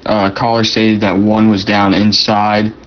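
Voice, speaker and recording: A man's voice: on the low side, completely flat delivery, a little slow. A male emergency dispatcher relaying information in procedural language over a two-way radio. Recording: dull radio, faint noise.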